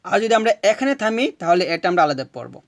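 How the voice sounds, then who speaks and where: A man teaching Quran recitation, chanting verses slowly and explaining each rule patiently, asking questions and answering them himself. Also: high-pitched, sing-song, creaky, no echo, studio quality. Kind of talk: recitation lesson.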